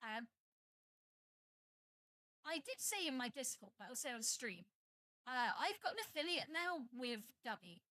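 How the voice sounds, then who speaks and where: Sing-song and high, her voice comes out pushed and bright, unhurried and marked by long pauses. She's a young woman from Britain, half Welsh and half English, with a British accent, chatting casually with live stream viewers, joking and swearing freely.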